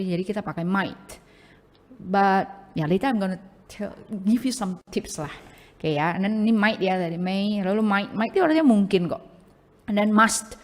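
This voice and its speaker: Chatty Indonesian woman teaching, reverberant. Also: medium pitch. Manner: chatty, mixes English into explanations, many fillers like oke and ya. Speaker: English teacher. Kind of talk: casual bilingual grammar lesson. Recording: long hall-like reverb.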